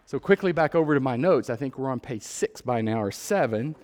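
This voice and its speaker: A man with a Texan accent giving an earnest sermon-style testimony, repeating words and building to loud emphatic peaks. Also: mid-range voice, lively intonation, a little fast. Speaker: lay preacher. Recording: long hall reverb.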